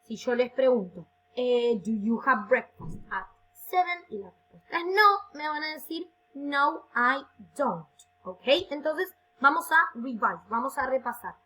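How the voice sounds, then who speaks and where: A woman with a Rioplatense Spanish accent teaching English, drilling phrases slowly and checking in with "¿ok?" after nearly every line. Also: sits high, sharp tone, rough recording. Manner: slow, emphatic drilling with frequent "¿ok?" checks. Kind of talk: recorded online lesson, bilingual.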